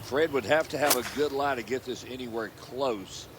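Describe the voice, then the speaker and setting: A man's voice: mid-range voice, moderate pace. A man working as a golf commentator and analyst, giving short, blunt verdicts on shots amid outdoor noise. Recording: clear outdoor ambient noise.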